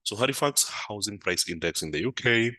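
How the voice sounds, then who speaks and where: A man with a fairly low, expressive voice that sounds pushed and bright, recorded without echo, hosts a live market analysis stream. A flu has left his voice a little off, and he talks unhurriedly, dropping frequent "uh" fillers as he answers live comments.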